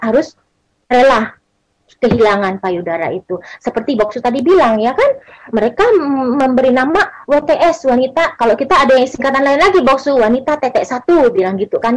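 A woman's voice: high-pitched, no echo, rough recording. Earnest woman telling her story, dry sound. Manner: earnest, warm storytelling, often addressing the interviewer. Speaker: interview guest. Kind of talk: heartfelt personal storytelling.

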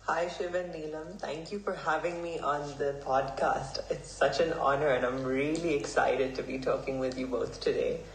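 A young man in his twenties from Hong Kong, answering podcast interview questions in an earnest, measured way with some fillers. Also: a little high, fairly even intonation. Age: 20s. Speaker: guest, Vedic pandit. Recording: roomy, somewhat distant mic, faint noise.

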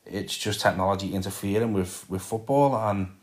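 Speaking at a moderate pace in a low voice, this podcast host from Liverpool, England chats loosely on his own show. He wanders from point to point, often saying "um" and repeating words.

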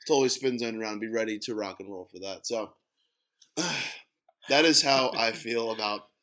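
A man's voice: on the low side, normal speed. A man co-hosting a casual sports podcast, getting fired up and ranting. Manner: animated, gets fired up and rants. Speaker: podcast co-host.

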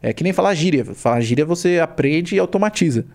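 A man with a Brazilian accent talks fast as a podcast guest, his voice slightly high, animated, and darkish. He chats casually, explaining things informally with slang and repeating points for emphasis.

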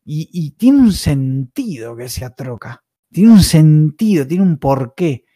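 A man's voice: fairly high pitch, sing-song, slow, dark tone, dry recording. Passionate Argentine man, dry close sound. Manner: passionate, opinionated, digressive. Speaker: podcast host. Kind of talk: casual podcast chat.

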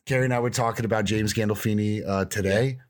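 A man's voice: on the low side, steady tone, fast. A man co-hosting a casual podcast, chatty and jokey, with lots of "like". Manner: chatty, joking, lots of "like" and laughter. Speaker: podcast co-host.

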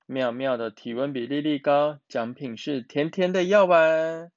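A gentle, caring mother who coaxes softly and slowly, as a man reads her in a storybook. Her voice sits a little high. The sound is dry and slightly dull. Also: natural voice. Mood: soothing. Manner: soothing, coaxing.

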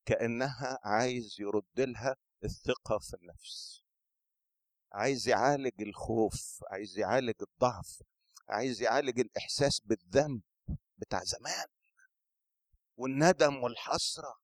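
Lively Egyptian man preaching a sermon. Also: mid-range voice, no echo, clean studio sound. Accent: Egyptian Arabic. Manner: lively, questions the congregation, acts out scripture voices.

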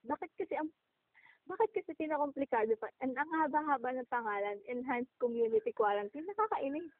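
A young Filipino woman co-hosts a podcast, chatting casually and giggling over a phone call. Her voice is high, animated and brisk, with no room sound and a tinny phone-line quality.

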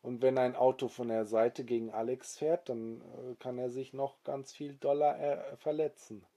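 A man's voice: mid-range voice, steady tone, normal speed, dark tone, no room sound. A man improvising a bedtime story for a child, with hesitations and sound effects.

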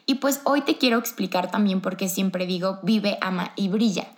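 A woman's voice: medium pitch, normal speed. An upbeat woman with a Mexican accent hosts a motivational podcast. She is chatty and talks straight to her listener. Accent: Mexican Spanish. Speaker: podcast host.

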